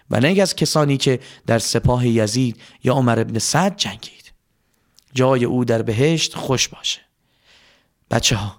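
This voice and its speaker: Man telling a story to children. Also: mid-range voice. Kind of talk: religious story narration for children.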